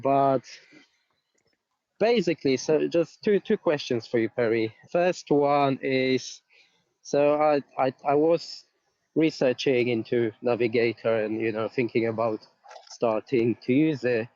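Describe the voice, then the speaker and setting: A man's voice: mid-range voice, a little slow, darkish tone, dry recording, dull audio. A man calling in from outdoors while on a walk, asking friendly, hesitant questions over a phone. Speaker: caller. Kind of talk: live online Q&A.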